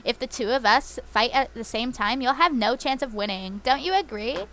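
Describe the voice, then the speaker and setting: A woman's voice: fairly high pitch, normal speed, a bit bright. A woman reading aloud the lines of a scheming female villain from a game, in a mock-menacing tone. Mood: taunting.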